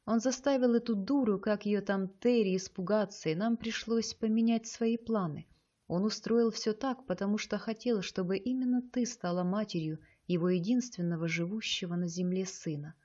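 Lady reader doing sly old neighbor woman in an audiobook, sweet-talking, mellow, slightly dull sound. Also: mid-range voice, moderate pace, natural voice. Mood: insinuating. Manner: ingratiating, insinuating.

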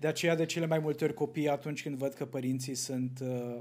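A man who is a guest on a children's podcast, explaining and telling stories in a calm, soft manner. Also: medium pitch.

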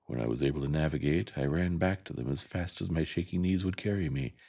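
A man narrating a novel in a gentle, soft ASMR reading. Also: rumbling low, fairly quick, creaky.

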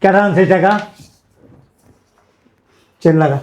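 Gruff scolding man with a high voice. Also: a little slow, a little mellow, slight background noise. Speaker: father in a family drama. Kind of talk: rural Bangladeshi village drama acting.

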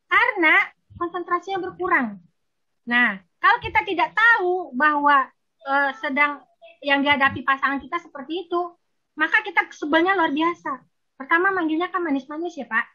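Bright, high-voiced woman lecturing. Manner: lively, teasing, addresses the audience directly. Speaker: marriage counselor. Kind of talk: virtual seminar lecture. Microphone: video call.

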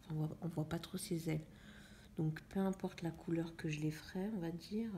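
Softly musing woman, mellow voice. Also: low-pitched, fairly even intonation, a little fast, slight background noise. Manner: soft, half-whispered musing while coloring. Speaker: vlogger. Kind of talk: casual coloring vlog chat. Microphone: phone camera.

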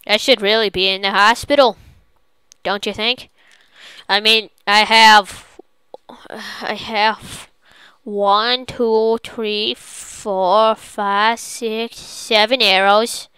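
A woman doing silly, excitable let's play commentary as she plays a game. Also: medium pitch, very slow, clear, resonant tone, no echo. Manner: silly, goofy, excitable, jokey. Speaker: gaming channel host.

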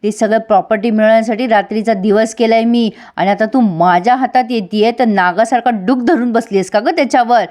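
A woman's voice: on the high side, fairly quick, few pauses, close to an everyday voice. A woman voicing a bullying greedy man. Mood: threatening. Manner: shouting threats, harsh demands. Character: angry bullying middle-aged man, greedy.

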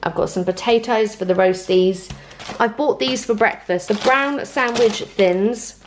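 A woman's voice: medium pitch, unhurried, slight background noise. Chatty young woman showing her shopping. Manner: chatty, upbeat, lots of fillers like "um" and "like". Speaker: vlogger showing a grocery haul. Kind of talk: casual chat.

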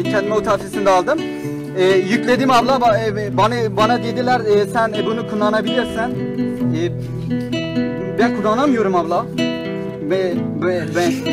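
Young man putting on a very high-voiced naive complainer. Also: natural voice. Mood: aggrieved, halting. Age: young adult. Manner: halting, repetitive, broken grammar, pleading. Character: naive, aggrieved man complaining in broken speech. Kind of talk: prank phone call.

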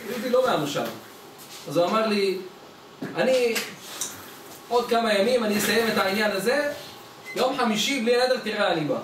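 A man's voice: sits high, long pauses. Male rabbi, storytelling lesson, acts out characters' lines, raised voice, distant mic, faint hum. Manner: acts out dialogue in his stories with changing voices. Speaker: rabbi giving a weekly Torah lesson. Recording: echoey room, mic at a distance, faint background noise.

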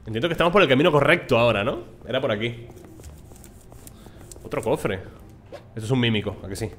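A young gameplay streamer with a Spain Spanish accent chats casually and swears lightly while playing through a game in a let's play. His voice is medium-pitched, fast, and a bit bright, with a little hiss or hum in the recording.

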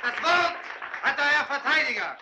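A man's voice: very high-pitched, very animated, moderate pace, creaky, a crowd in the background, noisy background, full character voice. An actor playing a stern male crime boss presiding over a trial and demanding a death sentence, in 1930s film drama style. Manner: stern, prosecuting, building to shouts.

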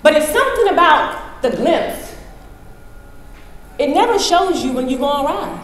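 A woman's voice: high-pitched, sing-song, normal speed, a bit bright, a little hiss or hum. A woman from the United States giving a motivational speech at a conference, telling a story and speaking straight to the audience. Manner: storytelling, addresses the audience directly. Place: large conference hall. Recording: echoey hall with long reverb.

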